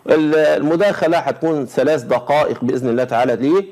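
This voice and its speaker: Egyptian man, debater, talks extremely fast, repeats himself insistently. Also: fairly high pitch, a little mellow. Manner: repetitive, pious formulas, insistent. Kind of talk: heated online debate.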